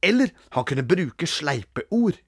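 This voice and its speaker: A reader narrating a children's storybook in a playful, expressive way, acting out sounds and pauses. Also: medium pitch, vocal fry, husky, dry recording, clean studio sound. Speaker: audiobook reader.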